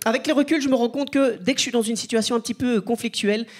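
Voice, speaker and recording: A man's voice: extremely high pitch, steady tone, racing. A man with a light, not very masculine voice, doing a chatty, self-mocking stand-up set and talking to the crowd. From Belgium. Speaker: stand-up comedian. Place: comedy club stage with live audience. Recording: live club recording with crowd noise. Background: audience laughter.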